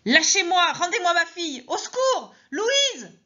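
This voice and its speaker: A woman's voice: fairly quick, dull audio. A woman reading her story aloud, voicing a terrified young mother who screams and pleads that she is not mad. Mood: frantic screaming. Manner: screaming and pleading, high and shrill. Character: terrified young mother, frantic, accused of madness.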